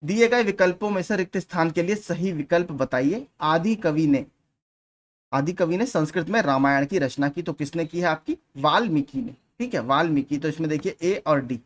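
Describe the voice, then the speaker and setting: A man's voice: on the high side, moderate pace. A man teaching exam preparation, going through spelling questions one at a time and patiently repeating the key points.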